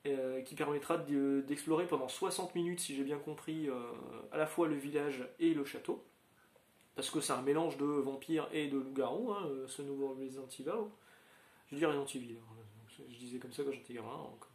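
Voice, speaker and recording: A man's voice: medium pitch, fairly even intonation, moderate pace, darkish tone. A man chatting casually to his viewers, rambling with many fillers and restarts. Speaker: channel host. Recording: echoey room.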